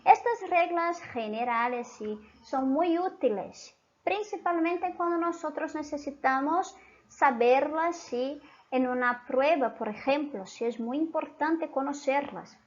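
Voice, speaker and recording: A woman's voice: high voice, unhurried, lo-fi sound. A woman teaching Spanish to Portuguese speakers, whose first language is Portuguese, who keeps checking in with "¿sí?" and "entonces". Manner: switches between Spanish and Portuguese. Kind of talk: online language lesson.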